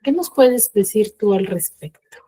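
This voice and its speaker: A woman's voice: medium pitch, lively intonation, a little slow, dark tone, slightly rough. A woman teacher explaining a grammar lesson in an online class, checking in often with short questions. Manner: explains step by step, checks in with frequent "¿sí?". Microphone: video call.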